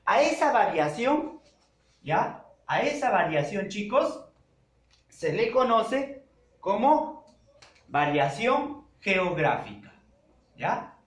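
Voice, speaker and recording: A man teaching a secondary school language class, speaking slowly and deliberately, repeating key terms and checking in with his students. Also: high voice, sing-song. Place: classroom with a whiteboard. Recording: echoey classroom.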